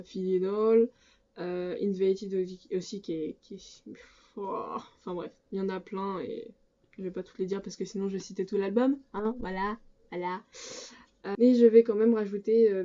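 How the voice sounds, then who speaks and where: A teenage girl talks casually to her audience from her room and often stumbles and restarts her sentences. Her voice is mid-pitched and very dark and mellow. The lo-fi recording sounds dull. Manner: chatty and hesitant, lots of filler sounds and restarts. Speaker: book and music vlogger. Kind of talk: casual chat answering a fan tag.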